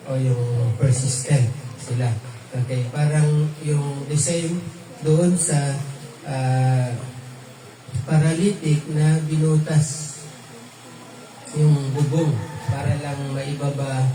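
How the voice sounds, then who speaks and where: A man teaching a verse-by-verse Bible study, quizzing his listeners with light laughs and mixing in English phrases. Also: a little high. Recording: echoey room, mic far off, noisy.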